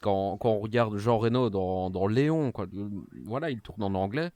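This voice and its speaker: A man's voice: lowish voice, normal speed, mellow, dry recording. A man from Belgium with a Liège accent, speaking as a podcast guest in an emphatic way that often ends phrases with a tag word. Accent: Liège Belgian French. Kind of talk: casual chat.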